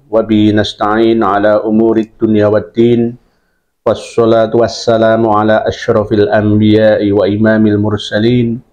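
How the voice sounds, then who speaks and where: A man speaks slowly in a low, flat tone as he delivers a ceremonial opening address. The recording sounds dull and muffled. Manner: measured, ceremonial. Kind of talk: formal address.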